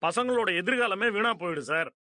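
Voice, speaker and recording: An actor dubbing an earnest, sympathetic police constable in a TV serial who advises a worried family. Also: male voice, sits high, lively intonation, a little fast, pushed and bright, no room sound, exaggerated voice. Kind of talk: dubbed TV serial dialogue.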